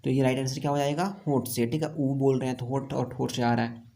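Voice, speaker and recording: A man's voice: medium pitch, fairly even intonation, fast, warm tone. A man from India with a Jharkhand accent, teaching an online exam-prep lesson and going through quiz answers one by one, asking each question aloud and then answering it himself.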